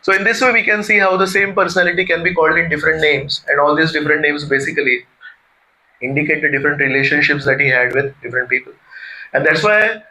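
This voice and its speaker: A man's voice: fairly high pitch, sharp tone, low-quality recording. A man giving a conversational devotional talk, often putting questions to his listeners. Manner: conversational, asks the audience questions. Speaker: spiritual teacher.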